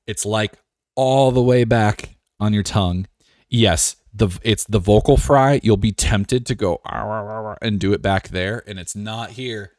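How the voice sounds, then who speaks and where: A man's voice: lowish voice, unhurried, darkish tone, no room sound, studio quality. A man streaming a game live, talking casually with a joking, self-assured, rambling manner.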